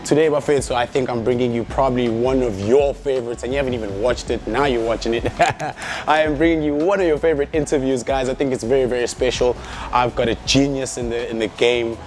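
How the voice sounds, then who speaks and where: A man's voice: medium pitch, steady tone, quick pace, darkish tone, a little hiss or hum. Hyped young man hosting. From South Africa. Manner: hyped, slangy, repeats himself. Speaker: interview host. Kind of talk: casual interview chat.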